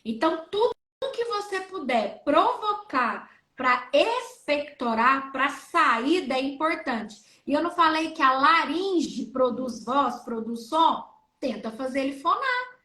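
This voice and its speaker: A woman's voice: high voice, sing-song, slow pace, sharp tone, reverberant. A speech therapist woman with a Brazilian Portuguese accent, explaining on a live stream and acting out coughs and vowels as she demonstrates.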